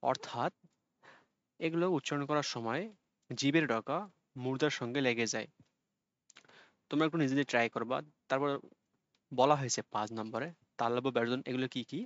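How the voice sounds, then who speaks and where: A man teaching an online exam-prep lesson, explaining patiently and repeating sounds slowly for students to copy. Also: mid-range voice, steady tone, no room sound, dull audio.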